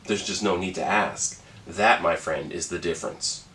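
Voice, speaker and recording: A man's voice: low voice, fairly even intonation, normal speed, fairly bright tone. Jokey man in a roomy room. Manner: mock-pompous, jokey. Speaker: podcast co-host. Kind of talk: casual comedic chat. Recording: roomy sound, a bit far from mic, faint noise.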